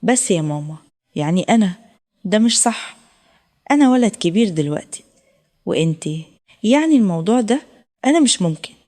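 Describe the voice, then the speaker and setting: A woman voicing a worried, shy teenage son with an Egyptian accent, talking in a halting, hesitant way and gently reproaching his mother. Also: medium pitch, animated, lightly acted. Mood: embarrassed, hesitant. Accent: Egyptian Arabic.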